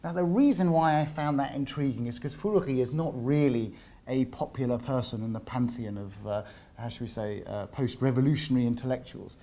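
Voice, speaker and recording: Mellow-voiced man giving an academic lecture. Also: medium pitch, fairly quick. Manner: hesitant, repeats words while searching for phrasing. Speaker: visiting lecturer. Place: university seminar room.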